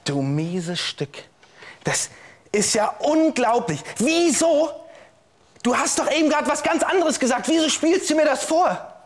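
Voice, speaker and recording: A flustered, hot-tempered witness. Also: male voice, high voice, moderate pace. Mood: furious. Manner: hesitant, full of fillers, flares into shouting. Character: jilted young man, defensive, hot-tempered witness. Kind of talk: scripted courtroom TV show.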